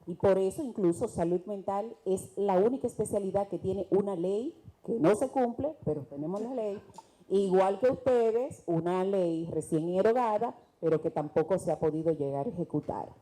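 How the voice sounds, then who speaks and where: A woman's voice: mid-range voice, expressive, moderate pace, warm tone, low-quality recording. A Dominican woman with a Dominican Spanish accent, speaking earnestly and emphatically as a mental health specialist on a TV panel. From Dominican Republic. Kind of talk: TV panel discussion.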